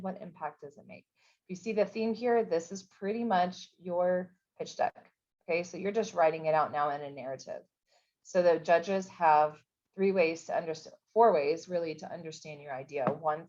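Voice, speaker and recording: A woman explains a program in a recorded info session, in a relaxed, conversational way. She often restarts her sentences and fills the gaps with ums. Her voice sits a little low, and the recording sounds dull and lo-fi. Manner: casual, conversational, with many fillers and restarts. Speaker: program coordinator.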